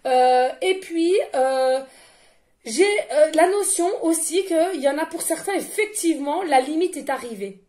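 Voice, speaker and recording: A woman giving a casual tarot card reading in a loud, carrying voice, chatty, laughing often and filling pauses with hesitations. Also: high voice, expressive. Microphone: no microphone, picked up by the device directly.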